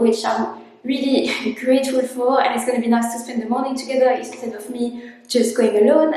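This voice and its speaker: High-voiced, chatty woman running vlogger. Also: mellow, reverberant, rough recording. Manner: chatty, informal storytelling. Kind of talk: casual vlog chat.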